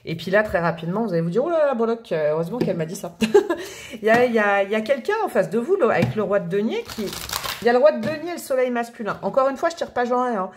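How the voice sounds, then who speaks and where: A woman's voice: a little high, animated, fast, a little mellow, slight background noise. A woman giving a casual spoken tarot reading, chatty and thinking aloud with many fillers and restarts. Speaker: tarot reader.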